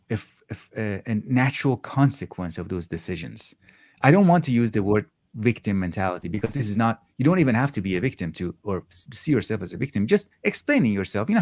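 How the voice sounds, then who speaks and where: A man speaking reflectively in a conversational interview, halting often as he thoughtfully searches for words. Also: mid-range voice, a little mellow, dry recording, studio quality.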